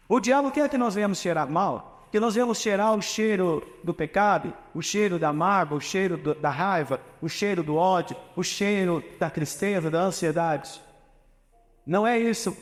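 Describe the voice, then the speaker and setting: A Brazilian pastor preaching a sermon with emphasis, asking his congregation rhetorical questions. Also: sits high. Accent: Brazilian Portuguese. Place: church sanctuary. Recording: long reverb of a church hall.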